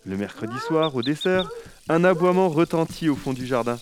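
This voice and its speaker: Lively man reading a children's story. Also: fairly high pitch, moderate pace, noisy background. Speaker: narrator.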